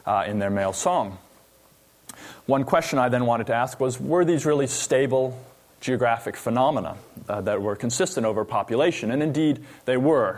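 Male researcher lecturing from the stage, mid pitch, explanatory, halting with fillers. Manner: explanatory, pausing with frequent "uh" fillers. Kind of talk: academic lecture.

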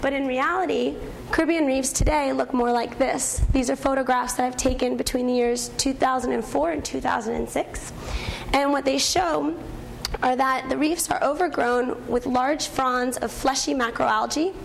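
Hoarse, croaky young woman presenting research. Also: high voice, fairly even intonation, moderate pace, slight background noise, poor audio. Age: young adult. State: voice partly lost from much talking. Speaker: graduate researcher presenting a talk. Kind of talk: scientific presentation to an audience.

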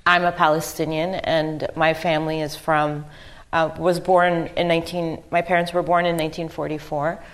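A woman from Lebanon speaks on a discussion panel in a notably low voice. She talks thoughtfully and haltingly, stopping to restart her sentences and filling pauses with ums. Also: level tone. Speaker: panel speaker, history professor.

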